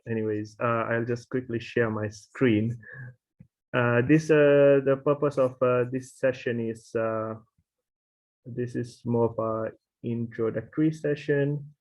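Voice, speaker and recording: A man's voice: medium pitch, fairly even intonation, slow pace, darkish tone. A middle-aged man from Fiji, a university lecturer, opening an online programming class with many fillers and restarts. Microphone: video call. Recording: dull lo-fi video call audio.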